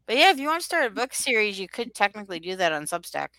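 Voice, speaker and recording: A woman's voice: mid-range voice, very animated, fast, pushed and bright, dry recording, rough recording. A woman hosting a podcast, chatting casually in loose, rambling sentences. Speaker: podcast host. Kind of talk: casual chat.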